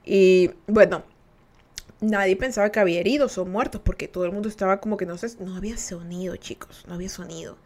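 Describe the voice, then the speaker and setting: A young woman from Ecuador, hosting a podcast and telling a story to listeners in a casual, animated way. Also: medium pitch, fast talker. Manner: animated, acts out voices and laughs while telling. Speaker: podcast host.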